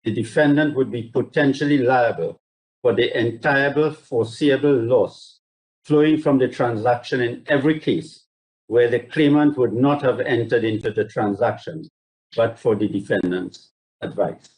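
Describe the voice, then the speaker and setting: Heard through a rough video-call recording, a man with a mid-range, darkish voice acts as a barrister. He gives a formal, measured, courteous legal submission over the video link, carefully reading from judgments.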